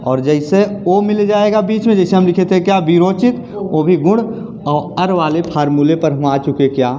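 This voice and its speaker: A male teacher runs a classroom grammar lesson, posing questions and then repeating the answers aloud, calling his students friends and sister. His voice is high with a dark tone, at a moderate pace.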